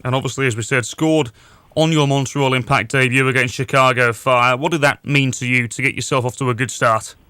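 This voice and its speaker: A man's voice: medium pitch, fairly even intonation, brisk, pushed and bright, smooth, no room sound. A man hosting a sports radio show, presenting segments and interviewing a guest. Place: dry radio studio.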